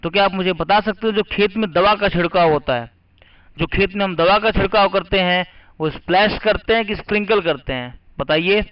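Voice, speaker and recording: A man's voice: high voice, a little fast, clean tone. A man teaching English vocabulary, spelling words letter by letter and asking and answering his own questions. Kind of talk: vocabulary lesson. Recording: muffled lo-fi recording.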